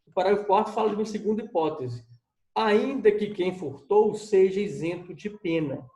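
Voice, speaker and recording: Male law lecturer, animated and chatty, slightly high voice, roomy echo. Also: normal speed. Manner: lively, conversational, addresses students as "gente".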